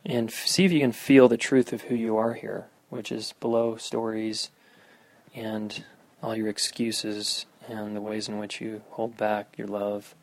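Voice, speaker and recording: Low, gravelly man guiding a meditation. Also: flat delivery. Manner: unhurried, pausing between short phrases; earnest spiritual-healer way of talking. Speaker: guest meditation teacher. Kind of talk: guided meditation instruction.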